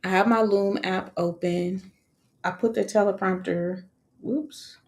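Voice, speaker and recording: A woman hosting a live online session, chatting in an animated, casual way with frequent laughs while she walks viewers through her recording setup. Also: mid-range voice, unhurried. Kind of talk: casual live-stream walkthrough. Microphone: wearing her own microphone.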